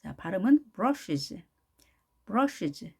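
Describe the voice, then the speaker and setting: A woman teaching an English phonics lesson, patiently repeating each model word slowly. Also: mid-range voice, big pitch swings, vocal fry, mellow, husky.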